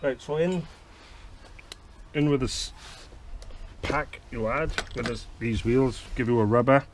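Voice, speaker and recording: A man in his thirties talks through a hands-on job outdoors in a back garden, chatty and plain-spoken, with bursts of enthusiasm. His voice sits at an ordinary middle pitch. The action-camera sound carries a clear layer of outdoor noise. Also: slow. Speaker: fishing channel host. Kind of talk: casual how-to demonstration. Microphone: action camera close by. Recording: noisy outdoor camera audio.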